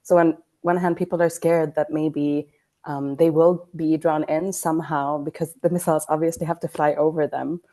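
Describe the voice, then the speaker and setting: A woman journalist from Iraq who grew up in Sweden appears as a guest in a casual podcast chat. Her voice is low and mellow with a flat delivery, and she speaks in a measured, thoughtful way with frequent ums.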